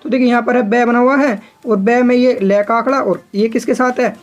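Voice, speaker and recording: A man's voice: very high voice, fairly even intonation, fairly quick, dull audio. A man teaching shorthand step by step in a patient, repetitive way, often turning to the viewers as friends. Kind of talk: step-by-step tutorial explanation.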